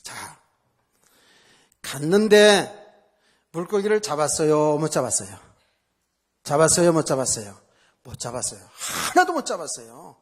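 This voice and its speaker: A man's voice: on the high side, big pitch swings, moderate pace, pauses often. A male pastor preaching a sermon at a church service, in a conversational style, asking the congregation rhetorical questions and repeating phrases for emphasis.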